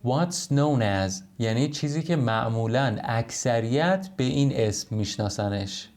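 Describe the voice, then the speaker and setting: A man's voice: medium pitch, expressive, darkish tone, faint music behind. A man teaching English in an explanatory lesson, modeling English words and sounds as he explains.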